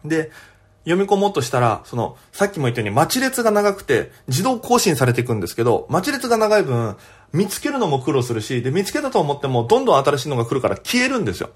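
Young man, solo podcast host, quick talker, lively chatty storytelling. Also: on the high side, slightly rough.

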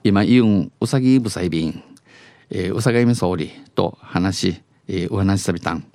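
This news reader speaks in a low, slightly mellow voice, a little fast, in a dry recording. Presenting a dialect news segment with an Okinawan accent, he moves phrase by phrase between standard Japanese and Okinawan dialect, frequently repeating lines.

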